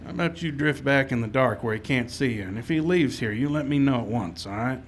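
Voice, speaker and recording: A man's voice: medium pitch, lively intonation, a little fast, slight background noise, lightly acted. A man playing a stern, weary frontier marshal in a radio western, commanding and clipped. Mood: firm, calm. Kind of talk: 1950s-style radio western acting and narration.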